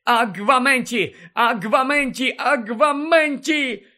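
A man's voice: high-pitched, animated, unhurried, pitched above the performer's own voice, exaggerated voice. A man voicing a panicked teenage boy wizard, pleading and crying out in desperation. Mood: desperate pleading. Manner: pleading, frantic shouting. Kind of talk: audiobook character voice.

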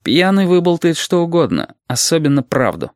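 A young police inspector, calm and measured with a dry irony, his voice a little lifted as a male reader voices him. The read is dry and close, with no room sound. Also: on the high side, no echo, voice pushed up. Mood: stern. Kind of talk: audiobook character voice.

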